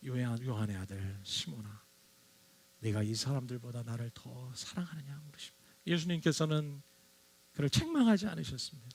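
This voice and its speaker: A man's voice: mid-range voice, a little fast, darkish tone. A man preaching a Sunday sermon as pastor, earnest and dramatic, acting out the quotes he tells. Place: church sanctuary.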